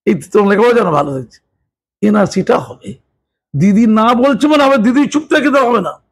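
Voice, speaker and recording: A man's voice: high-pitched, expressive, fairly quick, husky. A man, giving an emphatic, sarcastic political interview and repeating his points. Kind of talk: heated political interview talk.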